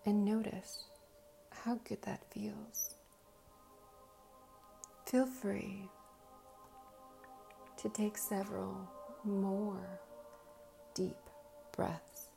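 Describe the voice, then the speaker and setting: A woman speaking as a slow, soothing hypnotist, guiding relaxation in short soft phrases with long pauses. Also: mid-range voice, little pitch movement, creaky. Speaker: host of guided meditation and hypnosis sessions. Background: faint music.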